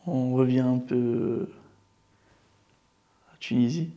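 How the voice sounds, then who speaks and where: A woman interviewer asking short questions and gently coaxing her guest in a casual interview. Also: extremely low pitch, takes it slowly, highs cut off.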